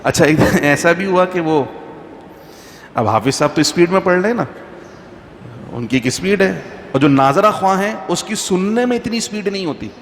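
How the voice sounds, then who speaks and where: A man's voice: high voice, lively intonation. A man, a mufti, giving an informal religious talk to a congregation in a mosque, conversational and full of anecdotes. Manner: conversational, anecdotal, chants Quranic verses slowly. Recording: faint background noise, long reverb.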